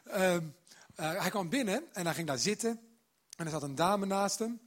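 A man's voice: sits high, lively intonation, moderate pace. A man preaching a sermon to a congregation, telling stories and speaking to them directly. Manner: warm direct address to the congregation, storytelling.

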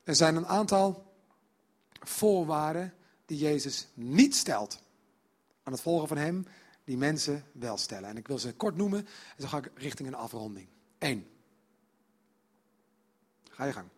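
A man preaching with a fairly high voice, lively and animated. He slips into quoted exchanges, raising and dropping his voice to act out the people in his stories. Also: measured pace, pauses often, husky. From Netherlands. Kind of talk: sermon.

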